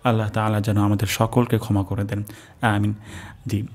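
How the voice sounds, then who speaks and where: A man teaching the correct pronunciation of a prayer, slowly repeating each syllable in careful drills. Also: lowish voice, little pitch movement, a little mellow. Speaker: Quran recitation teacher. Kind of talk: religious pronunciation lesson.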